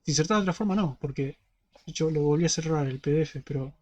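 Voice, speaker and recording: Rioplatense male teaching assistant, high voice, methodical step-by-step explainer who keeps checking in. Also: quick pace, darkish tone, muffled recording. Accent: Rioplatense Spanish. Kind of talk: online class explanation.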